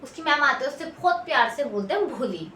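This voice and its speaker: A woman's voice: sits high, expressive, fast, pushed and bright, far from the mic. Woman, tutor, casual rambling retelling, echoey room, faint background noise. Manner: casual, rambling, many fillers and restarts. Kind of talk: retelling a textbook story.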